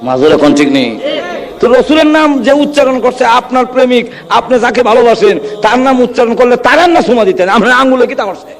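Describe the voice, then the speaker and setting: A man preaching a Bengali waz sermon in a sing-song way, speaking with a tinge and urging the crowd to answer louder. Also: very high voice, animated, a little fast. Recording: long hall reverb.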